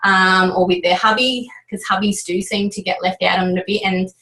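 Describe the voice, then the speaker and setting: A woman's voice: mid-range voice, steady tone, moderate pace, bright, forceful tone, recorded from a distance, rough recording. A woman team leader sharing tips in a casual training chat, rambling with lots of ums and restarts.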